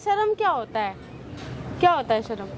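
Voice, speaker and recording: A woman's voice: high voice, sing-song, normal speed, slight background noise. A woman playing a brazen, defiant young daughter-in-law who taunts and mocks without shame, in a street skit. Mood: defiant, mocking. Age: young adult. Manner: taunting, mocking, unashamed. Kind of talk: street social skit acting.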